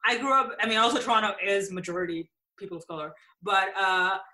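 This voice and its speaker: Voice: mid-range voice, quick pace, sharp tone, rough recording. A host from India, chatting casually, hesitant with frequent restarts. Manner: hesitant, many restarts and fillers, laughs easily. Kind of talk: casual conversation.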